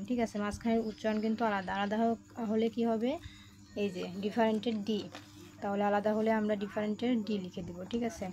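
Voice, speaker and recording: A woman talks a young class through a textbook lesson, slightly high in pitch. She spells out each word, repeats every step and keeps checking that her listeners follow along. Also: darkish tone, muffled recording. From Bangladesh. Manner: explains slowly, repeats each step, asks "ঠিক আছে?" often. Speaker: teacher.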